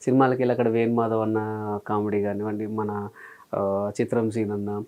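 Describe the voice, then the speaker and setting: A man's voice: lowish voice, brisk, muffled recording. A man, a comedian telling his story in a casual interview and acting out his own past remarks. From Telangana, India. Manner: animated, acts out his own past remarks in quoted asides. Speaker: comedian and mimicry artist, interview guest.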